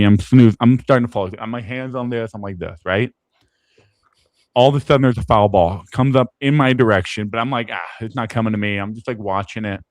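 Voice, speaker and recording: A young man co-hosts a casual sports podcast. He tells a story in a loose, relaxed way, full of fillers. The sound is close and dry. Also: mid-range voice, no echo, poor audio. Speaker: podcast co-host.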